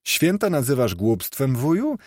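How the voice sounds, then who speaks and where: A man voicing a cheerful, warm-hearted young nephew who calls out eager, bright exclamations, in a dry-sounding recording. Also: mid-range voice, lively intonation, normal speed, no room sound, close to an everyday voice. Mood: cheerful pleading.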